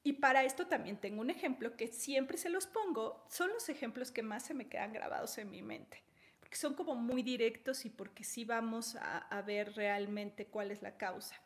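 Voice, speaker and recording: A woman's voice: on the high side, normal speed. A woman giving a conversational teaching talk on health, telling examples and checking in with little tag questions. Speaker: holistic health speaker.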